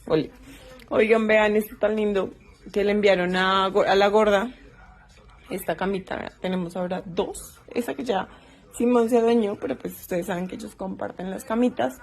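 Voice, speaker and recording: A woman's voice: mid-range voice, steady tone, moderate pace. A woman, chatting casually to her viewers in a vlog and doting on her dogs in baby talk. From Colombia. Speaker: dog rescuer vlogger.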